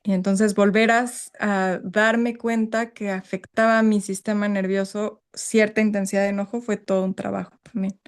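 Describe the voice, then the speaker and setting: A woman's voice: mid-range voice, level tone, moderate pace, hardly any pauses. A woman sharing her experiences on a group video call. She is emotionally stirred and searches for words as she speaks, frank and reflective. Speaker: workshop participant. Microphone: video call microphone.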